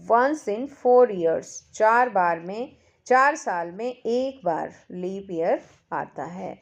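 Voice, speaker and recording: A woman teacher, reading English workbook lines slowly and explaining them in Hindi. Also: lowish voice. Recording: dull lo-fi recording.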